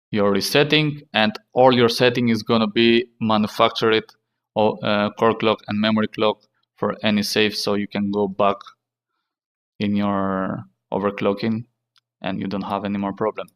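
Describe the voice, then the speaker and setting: Guy walking thru a tech tutorial, lowish smooth voice, stops n restarts a lot. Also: a bit bright. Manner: non-native English, halting, repeats himself with fillers. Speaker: tech channel host. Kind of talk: casual tutorial walkthrough.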